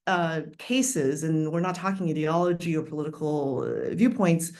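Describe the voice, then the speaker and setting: A Taiwanese professor takes part in an academic webinar panel over a video call, speaking thoughtfully in long, layered sentences with many fillers. Her voice is low-pitched and darkish, fairly even in intonation, at a moderate pace.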